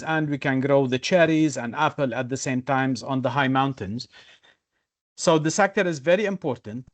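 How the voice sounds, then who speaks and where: A man from Lebanon presenting in a webinar as a zoologist, slow and hesitant with many fillers. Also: on the high side. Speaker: zoologist and consultant.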